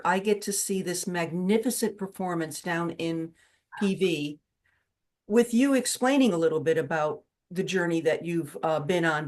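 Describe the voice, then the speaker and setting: A woman's voice: lowish voice, a little mellow. A woman hosting an interview, chatty and enthusiastic, mixing in her own stories. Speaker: interview host. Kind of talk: casual interview.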